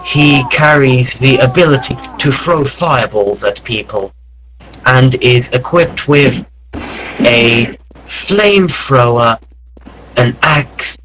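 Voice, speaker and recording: A man narrates in the hushed, mock-serious manner of a wildlife documentary, deadpan and unhurried. His pitch sits in an ordinary middle range, and he breaks into startled exclamations now and then. Faint background noise runs beneath his voice. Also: poor audio. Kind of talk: mock nature-documentary narration over gameplay.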